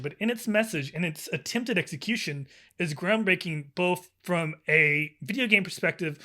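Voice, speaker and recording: A man co-hosting a casual podcast, talking fast with sarcasm and frequent swearing. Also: high voice. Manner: profane, sarcastic, animated. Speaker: podcast co-host. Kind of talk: casual gaming podcast chat.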